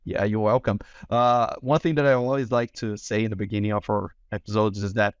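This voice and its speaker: A man's voice: on the low side, fairly even intonation, fairly quick, smooth, dry recording. A man from Brazil with a Brazilian Portuguese accent, a non-native English speaker hosting a podcast in a friendly, hesitant way. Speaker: podcast host. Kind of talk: podcast interview.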